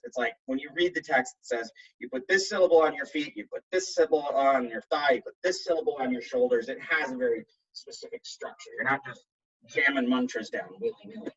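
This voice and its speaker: A man's voice: medium pitch, a bit bright, breathy edge, muffled recording. A man giving a recorded lecture in a conversational way, with asides and restarts.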